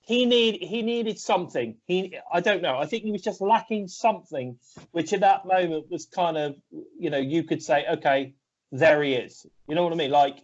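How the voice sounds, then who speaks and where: Co-hosting a laid-back wrestling podcast, this British man sounds bunged up from a cold. He speaks at a moderate pace with a fairly high pitch, rambling and hesitating and starting his sentences over. The audio is dull and lo-fi.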